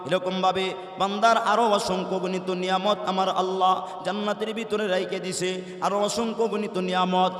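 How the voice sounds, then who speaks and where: A high-pitched man preaches a sermon in a melodic, chanting delivery, his tone bright and forceful. He is heard from a distance, and his voice rings with a long echo through a large hall. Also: little pitch movement, moderate pace.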